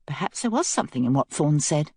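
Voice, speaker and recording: A woman narrating an audiobook in an even, measured way. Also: low-pitched, husky, dry recording, clean studio sound. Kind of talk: scripted narration.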